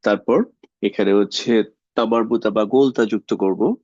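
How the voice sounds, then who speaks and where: A man teaches an online grammar lesson, working patiently through each step and filling pauses with small words. The recording is dry and dull, as if from a cheap close mic. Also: on the low side, a little mellow, no room sound. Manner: explains step by step with frequent filler words.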